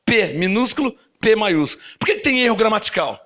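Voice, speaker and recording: A man with a Brazilian Portuguese accent preaching a sermon to a congregation, animated and often asking them questions. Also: sits high, brisk. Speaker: apostle preaching. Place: church service.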